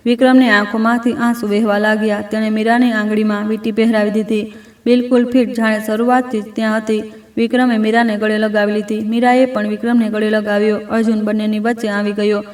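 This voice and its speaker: A woman narrating a scripted story in even, measured short phrases. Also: medium pitch. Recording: roomy, distant mic.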